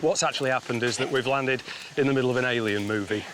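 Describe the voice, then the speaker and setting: A man speaks in an articulate, reflective way while laying out plans on a tropical island. His pitch is in the middle range. Clear outdoor noise surrounds him. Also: fast talker. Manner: articulate, reflective, planning aloud. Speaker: business coach. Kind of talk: casual talk and outdoor confessional.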